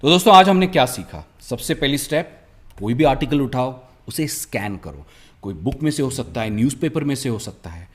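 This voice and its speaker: A man teaching a spoken English lesson, drawing out each model word slowly and coaxing his viewers to repeat after him. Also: medium pitch. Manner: slow, stretched-out model pronunciations of words; lively, coaxing teacher's delivery.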